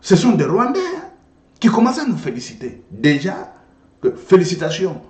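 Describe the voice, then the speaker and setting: A man's voice: high-pitched, sing-song, moderate pace. A man hosting political commentary, emphatic and talking straight to his listeners. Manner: emphatic, addresses listeners directly. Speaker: host. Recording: roomy echo.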